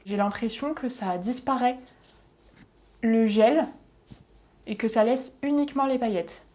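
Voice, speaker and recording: A young woman talks through a makeup unboxing in a casual, chatty way. She sounds excited and keeps dropping in little giggly asides as she goes. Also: fairly high pitch, unhurried, a little hiss or hum. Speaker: beauty vlogger.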